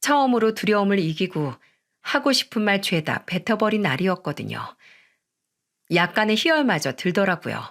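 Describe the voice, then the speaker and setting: A woman in her thirties calmly narrating a listener's story in the first person, in a measured way. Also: mid-range voice.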